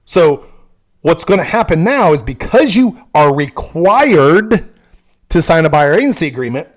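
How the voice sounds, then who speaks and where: A man's voice: fairly high pitch, sing-song, unhurried. A man working as a real estate agent, explaining things frankly and casually, often checking in with "okay?".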